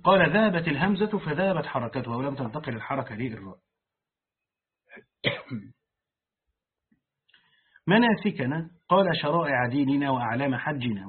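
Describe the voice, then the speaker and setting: A man reading a Quran commentary aloud and pausing to explain it in plain colloquial speech, like a sheikh teaching a lesson. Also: medium pitch, husky. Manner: reads the text aloud, then breaks off to explain it in colloquial speech. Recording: tinny phone-like lo-fi recording.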